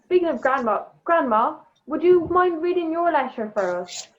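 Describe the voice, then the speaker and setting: A woman's voice: high voice, expressive, normal speed. A woman presenting and asking questions in a casual, chatty style over a video call. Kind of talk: casual interview chat. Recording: dull video-call audio.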